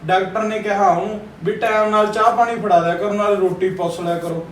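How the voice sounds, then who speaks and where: A soft-spoken husband with a high voice, played by a man, always trying to calm things down. The sound is roomy and distant, with faint background noise. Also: fairly quick, natural voice. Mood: placating. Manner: placating, calm. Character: mild young husband caught between wife and mother. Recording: echoey room from a far mic, faint noise.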